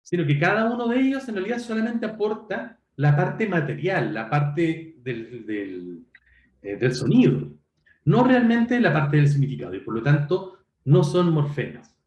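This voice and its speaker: A man teaching an online lecture in a high, animated voice that rises and falls. He explains step by step, pauses to check in with his students and often corrects himself. The sound carries a roomy echo. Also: highs cut off. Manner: self-correcting, frequent "perdón". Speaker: university lecturer.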